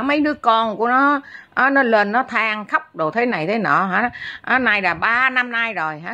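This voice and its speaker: A woman's voice: mid-range voice, bright, forceful tone. A woman delivering a blunt, scolding rant as an online commentator, peppering every phrase with "á". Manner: scolding, blunt, repeats filler "á" constantly. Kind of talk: angry ranting commentary.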